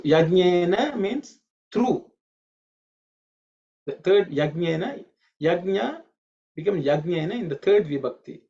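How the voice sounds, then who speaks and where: Male Sanskrit teacher, gravelly and slightly raised voice, patient drilling, dull lo-fi line. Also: sits high, dark tone. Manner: patient, repeats pronunciations slowly. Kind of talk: online class lecture. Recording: dull lo-fi audio.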